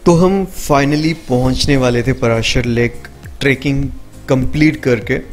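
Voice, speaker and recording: A young man talks through his trekking trip in a relaxed, easygoing voice-over, stopping now and then with little hesitant fillers as he explains. His pitch sits in a middle range, and soft music plays faintly behind him. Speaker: travel vlogger. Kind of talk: casual travel vlog narration.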